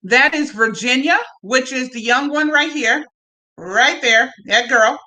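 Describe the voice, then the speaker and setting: High, bright-voiced chatty woman streamer. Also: measured pace, poor audio. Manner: chatty, slangy, repeats words, talks to viewers. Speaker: live-stream host. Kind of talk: casual reality-TV recap chat.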